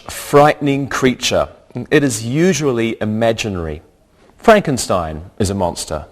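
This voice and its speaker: A man teaching a scripted English lesson, speaking deliberately and repeating each word for learners. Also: lowish voice.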